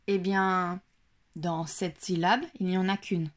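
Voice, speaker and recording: A woman with a French accent, slowly explaining a phonics exercise to parents, stressing each syllable. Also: lowish voice, level tone. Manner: articulates words syllable by syllable. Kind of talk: slow, careful instructional explanation.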